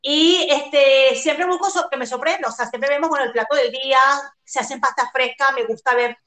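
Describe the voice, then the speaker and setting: A woman raised in Venezuela talks as a guest in a relaxed interview, eagerly sharing her stories. Her voice is bright and a little high. The room around her is echoey. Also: normal speed. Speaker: guest chef. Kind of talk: casual interview. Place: home in Germany.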